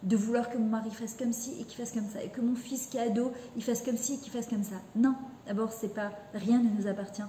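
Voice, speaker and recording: A woman's voice: fairly high pitch, steady tone, fairly quick, few pauses, dark tone, a little hiss or hum. Earnest woman teacher in an echoey room. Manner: earnest, heartfelt, mixes in Hebrew terms. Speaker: religious teacher. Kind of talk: spoken religious lesson.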